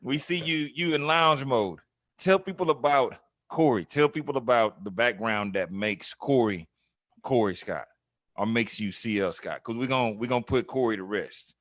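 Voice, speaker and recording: A man in his thirties hosting an interview, talking in an affirming, brotherly, halting way. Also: mid-range voice, fairly bright tone, dry recording, clean studio sound. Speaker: host. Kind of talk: casual interview talk.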